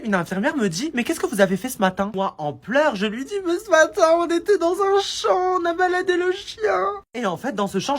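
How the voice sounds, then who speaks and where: A vlogger from France talking to camera in a casual, dramatic, chatty way. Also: medium pitch. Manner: expressive, dramatic reactions, chatty. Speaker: social media creator. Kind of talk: casual vlog narration to camera.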